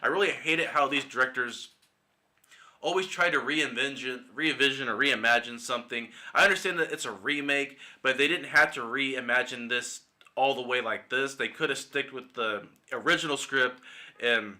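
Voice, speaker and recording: Man, casual solo commentary, opinionated and speculative, very bright piercing tone, mid pitch. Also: normal speed. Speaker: YouTube movie commentator. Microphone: desktop mic, screen-recorded video.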